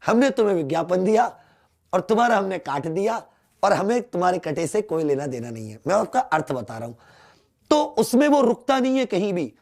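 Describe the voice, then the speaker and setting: A man teaching a Hindi grammar lesson, repeating key words and asking them back to the students. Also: high-pitched. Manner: slow, drawn-out delivery.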